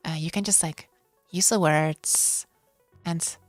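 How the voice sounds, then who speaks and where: Female podcast streamer, non-native English, low register, playful casual storyteller, music underneath. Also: steady tone, takes it slowly, no echo. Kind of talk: casual chat about online games. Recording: music behind the voice.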